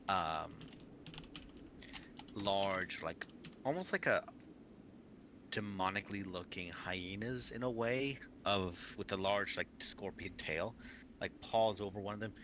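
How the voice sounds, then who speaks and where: A man narrating a tabletop game as game master, improvising his descriptions in a halting way. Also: lowish voice. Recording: noisy home microphone.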